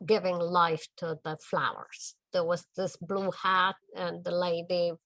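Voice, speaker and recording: Gentle and thoughtful, with small pauses, an older Czech artist talks about her art for a documentary filmed in her home studio, speaking with a Czech accent. Her lowish voice keeps a fairly even intonation, and the recording is dry.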